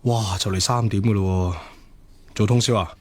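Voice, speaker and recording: In a radio drama, a male actor with a Hong Kong Cantonese accent plays a cocky, flippant young student who chases women, teasing and handing out mock wisdom in a sly way. His voice is on the low side, fairly even, at normal speed, close to his everyday voice.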